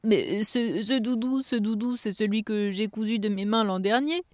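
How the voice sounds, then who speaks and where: A woman's voice: medium pitch, normal speed, dry recording, pitched above the performer's own voice, natural voice. Woman doing a fussy little elf. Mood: indignant. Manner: indignant, fussy.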